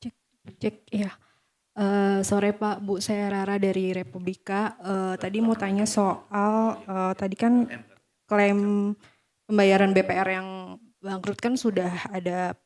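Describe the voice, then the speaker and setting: A woman's voice: mid-range voice, little pitch movement, takes it slowly, darkish tone. A female reporter politely and directly asking questions at a press conference. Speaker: newspaper reporter.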